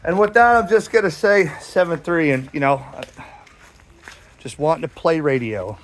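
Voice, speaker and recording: An American man with a voice on the high side talks at a moderate pace, chatting plainly and informally outdoors in a backyard by a metal shed. A radio hobbyist making videos, he switches between casual talk and amateur radio calls against a noisy background.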